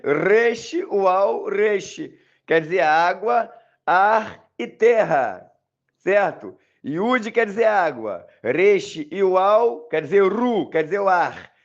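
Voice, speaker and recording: A man's voice: high-pitched, expressive, slow, dull audio. A man with a Brazilian Portuguese accent recording a voice message, talking insistently and repetitively to his listeners. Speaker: religious commentator. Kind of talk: voice message monologue.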